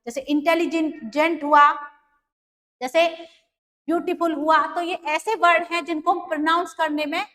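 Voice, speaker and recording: High-voiced woman teaching grammar. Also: a bit bright. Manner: explains patiently, repeating key terms. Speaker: English teacher. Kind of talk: grammar lesson in Hindi.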